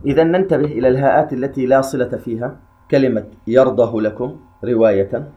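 A man teaching Quran recitation rules in a measured, patient way, slowly chanting short verse examples between his explanations. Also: medium pitch, warm tone, dull audio.

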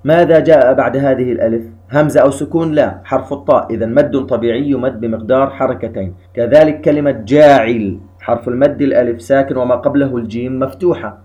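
A man gives a calm tajweed lesson in a mellow, dark voice. He explains each rule evenly and draws out the recited examples slowly. The recording sounds dull and lo-fi. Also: medium pitch. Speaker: Quran recitation teacher.

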